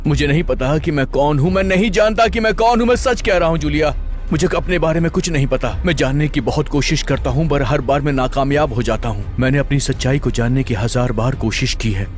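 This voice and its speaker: A man's voice: medium pitch, fairly even intonation, brisk, faint music behind, close to an everyday voice. A man dubbing an obsessive lovesick killer. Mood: brooding. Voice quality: soft, pleading, breaks into cries. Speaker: dubbing actor. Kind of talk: Hindi-dubbed horror film acting.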